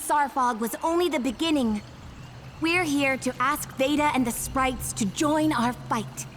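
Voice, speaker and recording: A woman's voice: sits high, unhurried, a bit bright, slight background noise. A woman voicing a small, earnest young champion in a story, speaking with pleading sincerity. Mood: determined. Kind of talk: scripted audio storybook acting.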